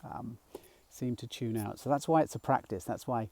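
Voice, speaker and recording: A middle-aged man speaks softly and rambles a little as he walks through a field, slightly out of breath. His voice is low-toned, gravelly and mellow, with plenty of fillers and restarts. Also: normal speed, no echo. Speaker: nature mindfulness guide. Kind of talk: casual walking vlog. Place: outdoors in a field by a small woodland.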